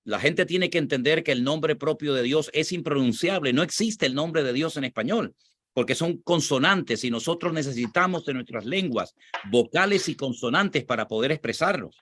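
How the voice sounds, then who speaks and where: This pastor from Spain speaks with a Spanish accent, teaching scripture and fielding questions while repeating points to stress them. His fairly high, slightly bright voice is animated and moves at a moderate pace.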